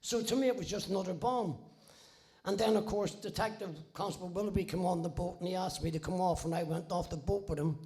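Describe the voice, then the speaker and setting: A man's voice: sits high, steady tone, fast talker, darkish tone. A Northern Irish man in his sixties from Belfast, telling his own story in a blunt, salty, wry way and swearing freely. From Belfast, Northern Ireland. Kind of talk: casual spoken storytelling.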